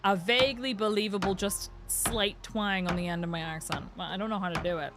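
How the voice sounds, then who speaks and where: A woman's voice: mid-range voice, fairly even intonation, fairly quick, over music. A woman with an Irish accent chatting casually on a live game stream, rambling with lots of filler words. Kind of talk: casual live-stream chat while gaming. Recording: clear background noise with clicks.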